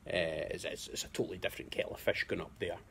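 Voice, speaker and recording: A Scottish man talks football as a guest, measured and unhurried, often restarting his sentences. His voice sits very low, with a gravelly crackle at the bottom. There is a faint hiss behind him. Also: fairly even intonation, fairly bright tone. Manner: measured, repeats words while finding his point. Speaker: guest pundit. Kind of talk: casual football chat.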